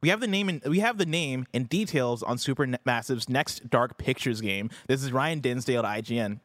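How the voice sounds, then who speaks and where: Man, medium pitch, enthusiastic host, chatty news delivery, close and dry. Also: fairly quick, fairly bright tone, no room sound. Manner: enthusiastic, sweary. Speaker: show host. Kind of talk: casual chat and news reading.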